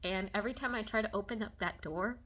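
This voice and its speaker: A woman's voice: mid-range voice, bright, forceful tone, slightly rough. A woman talking candidly to her camera about friendship, emotional and frank, swinging between laughter and near tears and swearing casually. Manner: swears casually, quick bursts of exasperation. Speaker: vlogger. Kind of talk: personal confessional talk to camera.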